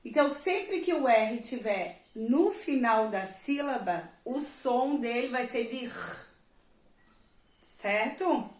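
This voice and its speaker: A woman's voice: fairly high pitch, expressive, slow, a little mellow. A woman teacher, patiently explaining a reading lesson to young children, drawing out the example words and checking in often. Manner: stretches and stresses example words. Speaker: primary school teacher. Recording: echoey room.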